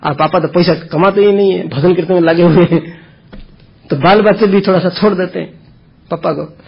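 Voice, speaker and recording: Husky man giving a homely spiritual talk. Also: high voice, fairly even intonation, muffled recording. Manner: explains slowly with homely examples, answers listeners. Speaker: spiritual teacher. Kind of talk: informal spiritual discourse.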